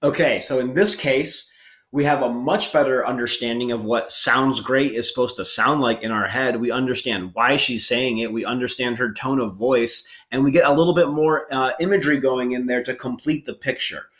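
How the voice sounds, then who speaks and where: Relaxed, chatty male writing teacher. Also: mid-range voice, moderate pace. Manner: relaxed, chatty, frequent "okay" and asides. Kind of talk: casual instructional explanation.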